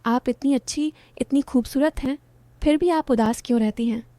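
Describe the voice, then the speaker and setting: A woman's voice: sits high, normal speed, dark tone, no echo, close to an everyday voice. An earnest young male student, voiced by a woman storyteller. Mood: earnest, tender. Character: young adult man, an infatuated, earnest student.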